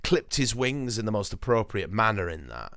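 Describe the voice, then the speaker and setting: A man's voice: on the low side, big pitch swings, normal speed, a loud crowd. A man hosting a podcast in casual chat, rambling and hesitant with plenty of ums and sweary asides. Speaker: podcast host.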